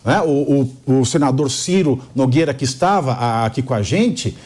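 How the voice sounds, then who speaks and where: A man with a Brazilian Portuguese accent hosting a political panel discussion, sarcastic and quick to interject. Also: a little high, a little mellow.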